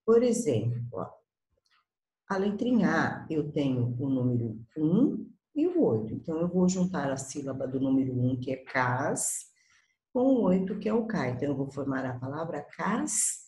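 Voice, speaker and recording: A woman's voice: low-pitched, very animated, normal speed, mellow. A Brazilian woman teaching young children in Portuguese, patiently explaining step by step and checking in with them often. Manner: patient, coaxing, uses small diminutives and checks in often. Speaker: primary school teacher. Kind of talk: recorded class for young children. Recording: echoey room.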